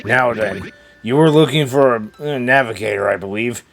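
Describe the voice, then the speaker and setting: Man putting on a blustery old sea-dog admiral, gravelly. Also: mid-range voice, moderate pace, fairly bright tone, faint music behind. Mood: gruff, resolute. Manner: blustery, old-fashioned nautical speech. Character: gruff, proud, grieving old sea-dog bomb admiral.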